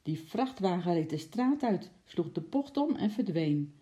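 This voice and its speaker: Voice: medium pitch, sing-song, unhurried, dark tone, pitched above the performer's own voice. A reader voicing a flustered, stout male zookeeper in a storybook reading, stammering and out of breath, then gloomy.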